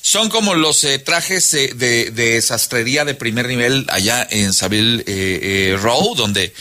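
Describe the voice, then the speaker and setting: A Mexican man running a radio panel discussion in a bright, clear voice. He talks in a chatty, rambling way, loaded with fillers and side remarks, and sits at a mid pitch. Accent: Mexican Spanish. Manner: chatty, full of fillers and wordy asides.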